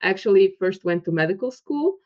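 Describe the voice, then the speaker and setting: A Portuguese woman in her thirties, with a Portuguese accent and a mid-range voice, is a guest researcher in a casual interview. She's animated and quick to act out quoted dialogue with laughs. The audio is muffled and lo-fi.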